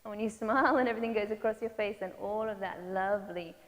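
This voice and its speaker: A woman gently leading parents through mindfulness and movement exercises, giving soft cues to breathe. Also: medium pitch, fast. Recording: long reverb with faint hiss.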